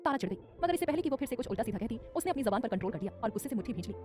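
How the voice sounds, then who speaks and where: A woman narrating a romantic audio story in a brisk, dramatic scripted style. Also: on the high side, sing-song. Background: soft music.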